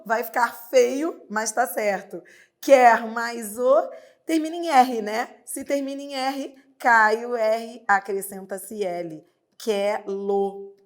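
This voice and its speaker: Emphatic Brazilian woman teaching grammar. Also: fairly high pitch. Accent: Brazilian Portuguese. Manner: emphatic, drawn-out examples, rhetorical questions. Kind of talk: online lesson for exam prep.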